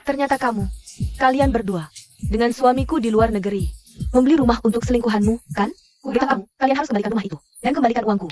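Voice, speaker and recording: A woman dubbing an angry wife who demands her money back, speaking quickly and combatively. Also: a little high, darkish tone, soft background music, close to an everyday voice. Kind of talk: Indonesian dub of a drama series.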